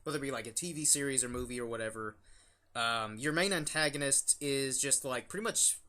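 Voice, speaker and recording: A man's voice: medium pitch, fairly quick, sharp tone. A young man hosting a casual review chat, rambling with lots of fillers and restarts. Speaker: YouTube channel host.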